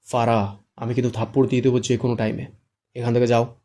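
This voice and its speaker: A man's voice: medium pitch, flat delivery, fast talker, mellow, lightly acted. A man voicing a hot-tempered young male university teacher in an audiobook, barking out scoldings. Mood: angry.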